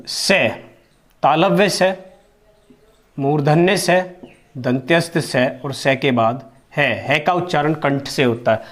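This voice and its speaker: A man teaching a grammar lesson, patiently explaining where each sound is made and slowly repeating syllables to demonstrate them. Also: on the high side. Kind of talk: Hindi grammar lesson on places of articulation.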